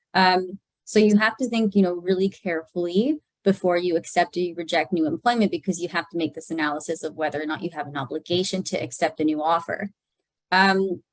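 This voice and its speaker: A woman's voice: fairly low pitch, no room sound, rough recording. A Canadian woman lawyer explaining legal duties in an information session, carefully, with many fillers. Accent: Canadian English. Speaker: employment lawyer.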